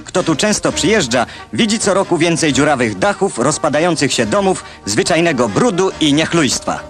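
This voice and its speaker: A man's voice: fairly high pitch, big pitch swings, normal speed. A man narrating an old newsreel in a scripted, wry and ironic way, with music behind him. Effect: old newsreel recording.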